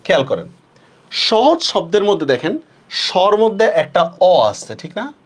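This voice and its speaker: Lively male teacher drilling pronunciation rules. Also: high-pitched, slightly rough. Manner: asks students frequent check-questions; stretches words slowly when stressing rules. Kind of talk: online class lecture.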